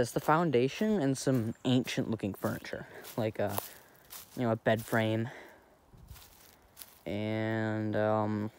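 Out on a lake in a kayak and on the shore, a young American man with a medium, darkish voice vlogs in a relaxed, rambling, offhand way. His phone is held or propped close, picking up heavy wind and water noise.

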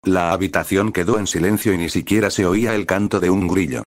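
A man reading a fan story aloud in steady, even narration. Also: sits low, brisk, dry recording, clean studio sound. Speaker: fan fiction reader.

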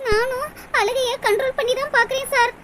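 A woman's voice: extremely high pitch, steady tone, brisk. A woman voicing a young, lovesick village woman in a cartoon, speaking in a pleading, sorrowful way with a southern Tamil Tirunelveli accent. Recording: loud background noise.

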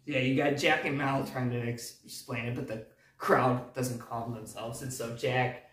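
A man's voice: mid-range voice, steady tone, measured pace, fairly bright tone. A man hosting a casual movie recap who rambles and hesitates, full of fillers. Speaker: movie review host. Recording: echoey room, distant mic.

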